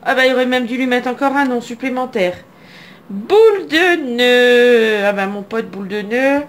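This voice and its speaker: A woman's voice: on the high side, fairly even intonation, quick pace. A middle-aged woman from France opening trading card packs at home, chatting to herself as she reads out each card name. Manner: chatty, reading card names aloud, musing to herself. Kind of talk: casual card-opening commentary. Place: home, indoors.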